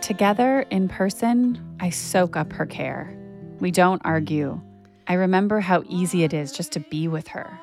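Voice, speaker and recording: A woman with a low voice and a gravelly edge tells her own story as a podcast host. Her scripted narration is intimate and reflective. Faint music plays underneath. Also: moderate pace, a little mellow.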